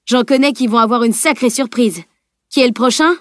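A woman's voice: a little high, a little fast, no room sound, clean studio sound, lightly acted. A woman reading the lines of a boisterous male warrior in an audiobook. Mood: excited. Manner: shouting, cheerful.

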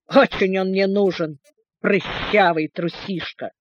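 A woman's voice: mid-range voice, steady tone, slow pace, a little hiss or hum, natural voice. A woman voicing a teenage boy who taunts people with sarcastic politeness. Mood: mocking. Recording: dull, dry recording.

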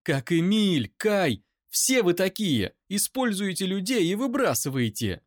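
Shrieking enraged young woman, voiced by a male reader, lively pitch, dry close sound. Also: a little slow, no room sound, full character voice. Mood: furious. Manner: screaming, raised pitch. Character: furious young woman shouting accusations.

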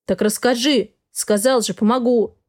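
A woman reading an audiobook, voicing a blunt, caring male doctor in her own fairly high voice. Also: steady tone, unhurried, a little mellow, natural voice. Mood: persuading. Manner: blunt, plain-spoken. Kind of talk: audiobook dialogue.

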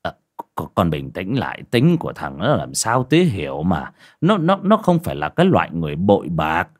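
A man's voice: low voice, huge pitch swings, moderate pace, pitched below the performer's own voice, heavily acted. A man voicing an anxious old village father, stammering and fussing protectively. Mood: reassuring. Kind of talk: audiobook character voice.

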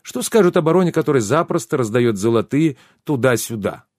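A man's voice: medium pitch, lively intonation, fairly quick, darkish tone, no room sound, clean studio sound, voice pushed up, natural voice. A man voicing a jovial, sly, plump baron who talks effusively in an audiobook. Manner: effusive, exclamatory, fawning.

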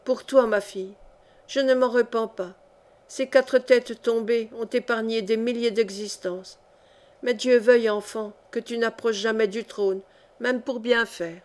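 A woman's voice: a little high, fairly even intonation, unhurried, darkish tone, close to an everyday voice. A woman reading the part of a devoted noble countess speaking tenderly and fervently to her daughter in an audiobook. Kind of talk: audiobook reading of a historical novel.

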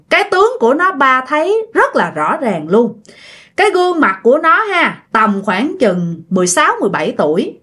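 Lively Southern Vietnamese woman storyteller. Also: high voice. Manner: chatty, addresses listeners directly. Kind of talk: casual ghost story narration.

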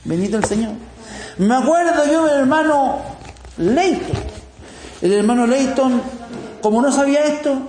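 A man's voice: very high voice, expressive, normal speed, pauses often, darkish tone. A man preaching in Chilean Spanish, telling homely anecdotes and acting out the people in them with a chuckle. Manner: folksy, chuckling anecdotes with acted-out voices. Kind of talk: sermon with storytelling. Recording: echoey room, faint ambient noise.

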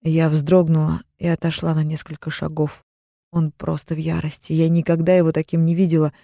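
A woman's voice: sits low, completely flat delivery, brisk, gravelly, dark tone, dry recording, studio quality. A woman narrating a first-person audiobook in a tense, emotional reading.

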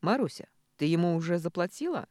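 Brief: woman reader playing a jovial, loud bearded villager, dry close recording. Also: fairly low pitch, lively intonation, a little fast, dry recording, close to an everyday voice. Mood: jovial teasing. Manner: laughing, loud.

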